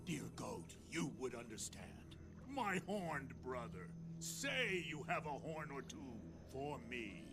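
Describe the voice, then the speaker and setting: A man's voice: medium pitch, big pitch swings, takes it slowly, creaky, over music, full character voice. An actor playing a drunken, hungover old general in a video game, slurring as he wails and pleads. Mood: wheedling. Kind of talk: video game character acting.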